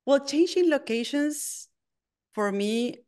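A middle-aged woman from Argentina, a native Spanish speaker with an Argentine accent, appears as a guest lettering artist answering interview questions. She's thoughtful, restarting often and saying um a lot. Her voice is high and animated, slow-paced, with a darkish tone.

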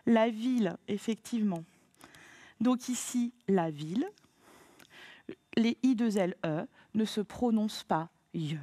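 Patient teacher woman, slow and lively. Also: medium pitch, dry recording. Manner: patient, encouraging, spells out sounds slowly. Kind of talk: phonics lesson for children.

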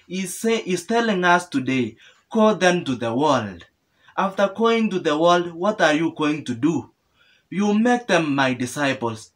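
A man's voice: fairly high pitch, a bit bright. A young man giving an earnest sermon to camera in a small room, asking questions and answering them himself, often repeating and restarting phrases. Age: young adult. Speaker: preacher. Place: small indoor room with sofa.

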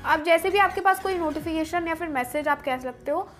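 A woman's voice: extremely high pitch, fairly quick, faint music behind. A young woman hosting a tech video, walking viewers through phone settings step by step in a friendly tone.

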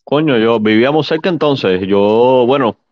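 A man's voice: medium pitch, moderate pace, no echo. A man with a Cuban Spanish accent hosts an interview in a loose, colloquial way, chiming in with short replies. His mid-range voice is recorded dry and close. The sound is slightly dull and lo-fi. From Cuba. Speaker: interviewer, show host. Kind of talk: conversational interview.

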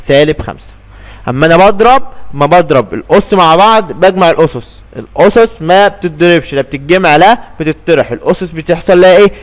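Fast-talking Egyptian physics teacher. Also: male voice, on the high side. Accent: Egyptian Arabic. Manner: explains step by step, asks and answers his own questions. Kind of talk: exam review lesson.

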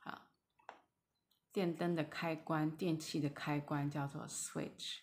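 A woman teaching English vocabulary, spelling out letters and repeating each word slowly, with soft whispered asides. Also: deep voice, level tone, a little hiss or hum. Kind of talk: phonics lesson.

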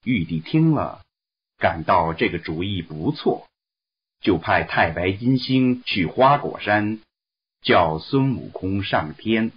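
A man reading a classic story aloud in slow, expressive narration. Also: lowish voice, husky. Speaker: story reader. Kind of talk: Chinese storybook read-aloud. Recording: dull lo-fi recording.

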